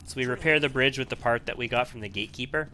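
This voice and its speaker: Male let's player, bright mid-pitched voice, casual and analytical, faint noise behind. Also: fast talker. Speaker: video game let's player. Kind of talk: casual gameplay commentary.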